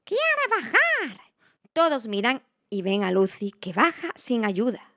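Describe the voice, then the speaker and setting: A woman reading a children's picture book aloud in a slow, expressive, playful way. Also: mid-range voice. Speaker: storyteller.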